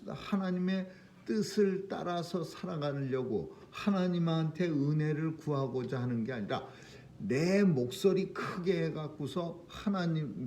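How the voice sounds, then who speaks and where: A man's voice: mid-range voice, mellow, a little hiss or hum. A man preaching an early-morning prayer sermon in an earnest way, pushing his key phrases up with emphasis and often restarting his sentences. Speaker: pastor.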